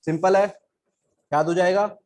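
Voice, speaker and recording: A man's voice: sits high, fairly even intonation, a little slow. A man teaching a lesson in a coaxing manner, asking questions and answering them himself on words. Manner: coaxing, repeats questions and answers, calls listeners beta. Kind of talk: classroom lesson.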